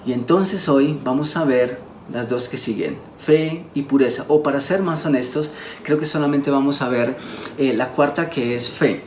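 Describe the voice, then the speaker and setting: A man giving a sermon as a preacher, earnest and slowing down to stress his points. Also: mid-range voice, a little mellow. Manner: earnest, slows down to stress words. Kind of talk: sermon teaching. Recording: echoey room with faint background noise.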